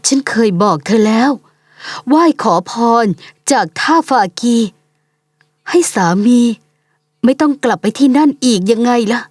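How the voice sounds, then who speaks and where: A woman voicing a sympathetic friend in a dubbed TV drama, speaking in a gentle, consoling way. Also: on the high side, expressive, unhurried, pauses often, no echo. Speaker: dub actor.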